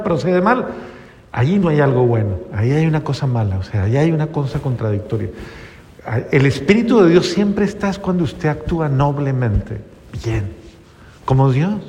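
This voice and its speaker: Man preaching in a long-echoing hall. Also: a little high. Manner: conversational, pausing and restarting often, soft when quoting others. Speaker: priest. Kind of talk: sermon. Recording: long reverb.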